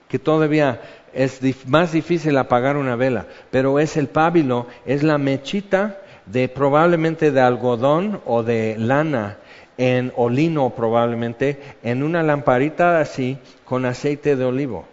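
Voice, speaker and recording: A Mexican-accented man teaching the Bible in a sermon, talking to his listeners in a loose, chatty way. His voice sits at an ordinary middle pitch. The recording sounds muffled and dull, with a long reverb trailing through a large hall. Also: a little mellow. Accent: Mexican Spanish. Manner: chatty and explanatory, often checks in with "ok". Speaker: preacher.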